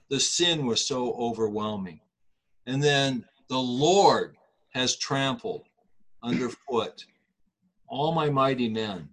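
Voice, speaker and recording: A middle-aged man leading a Bible study, explaining a passage slowly with many fillers and restarts. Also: medium pitch, a bit bright, low-quality recording.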